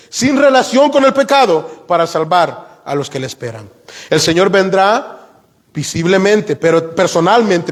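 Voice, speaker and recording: A man delivers an expository sermon in a high, ringing voice. He climbs higher and louder to stress his main points and keeps asking the congregation questions. The church hall gives his words a long reverb tail. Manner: emphatic, rises in pitch for key points; asks the congregation rhetorical questions. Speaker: preacher. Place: church sanctuary.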